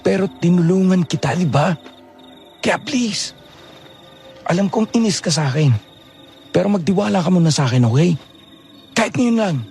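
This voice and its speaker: A secretive young man who speaks low and urgently, trying to keep someone quiet and safe, as a man acts him. Faint music sits under his voice. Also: fairly quick, pauses often, natural voice. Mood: pleading. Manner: low, urgent, hushed warnings. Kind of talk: Filipino horror audio drama.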